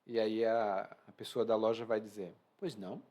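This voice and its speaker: A man's voice: lowish voice, normal speed. A man with a Brazilian accent, a Portuguese teacher explaining a reading to learners and acting out quoted phrases, talking at home. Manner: animated, acts out quoted phrases. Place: at home indoors.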